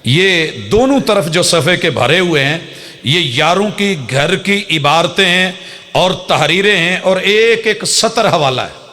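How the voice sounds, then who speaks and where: Fiery preacher, high-voiced man. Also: lively intonation. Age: middle-aged. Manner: dramatic, mimics opponents' pleading then rises to loud emphatic peaks. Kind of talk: fiery religious speech.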